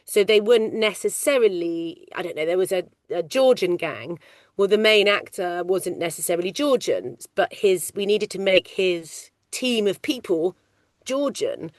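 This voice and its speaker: A middle-aged woman working in film casting, talking loudly and animatedly in a casual interview. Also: medium pitch, unhurried, dry recording, clean studio sound. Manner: loud, animated, chatty storyteller. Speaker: ADR casting coordinator.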